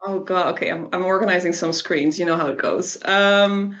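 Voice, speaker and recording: A Dutch-accented woman presents her engineering work in a relaxed tech talk over a video call. She laughs easily and pokes fun at herself, with plenty of ums. Her voice comes through slightly muffled, like stream audio. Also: lowish voice, normal speed. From Netherlands. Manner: self-deprecating, laughs easily, frequent ums. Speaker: software engineer.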